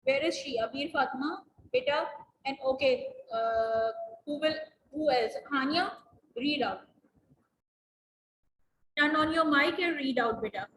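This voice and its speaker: A woman's voice: sits high, unhurried, pauses often, a bit bright. A woman teaching a biology lesson in an online class, patient and repetitive, stopping to correct pronunciation and calling on students. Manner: patient, repeats key points, addresses students as "beta". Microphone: video call. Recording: echoey room, faint background noise.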